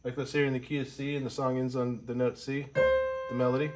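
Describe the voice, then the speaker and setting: A man's voice: medium pitch, level tone, fast, a little mellow. A man teaching a casual music lesson with a congested, stuffy voice, rambling and correcting himself as he goes. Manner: rambling, self-correcting, with frequent ums. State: congested from a cold.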